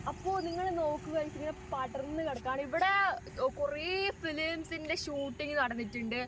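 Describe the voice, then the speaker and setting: High-voiced Malayali woman mixing in English, noisy outdoors. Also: moderate pace, fairly bright tone. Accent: Malayali, northern Kerala. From Wayanad, Kerala, India. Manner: mixes English words into Malayalam; enthusiastic, addresses viewers constantly. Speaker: travel vlogger. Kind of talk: casual travel vlog narration to viewers. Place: outdoors by backwaters, paddy fields and on a canoe. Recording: noisy outdoor recording with ambient sound.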